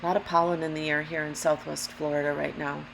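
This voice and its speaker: A woman hosts a relaxed craft tutorial in a low, gravelly voice roughened by allergies. She explains each step casually and carefully, taking her time. A noticeable mechanical hum runs behind her speech. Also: rough recording. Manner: unhurried, careful explaining with apologetic asides. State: allergy-affected voice, throat clearing. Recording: steady background hum, lawnmower noise. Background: lawnmower and hum.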